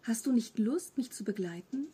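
A woman reading an audiobook, voicing a small, friendly, three-hundred-year-old furry monster with a pleasantly rough, half-whispered voice and a mischievous manner. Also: a little high, animated, normal speed, warm tone. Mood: cheeky friendly. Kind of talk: audiobook character voice.

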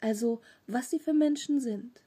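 A woman's voice: a little high, measured pace, mellow, husky. A woman reading a storybook, voicing a curious, naive male three-eyed monster who explains things matter-of-factly. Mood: puzzled.

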